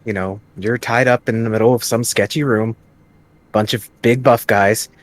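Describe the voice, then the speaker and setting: A man's voice: on the low side, fairly even intonation, normal speed, no echo. A man playing his character in a tabletop game, coaxing and scheming in a playful way. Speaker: player.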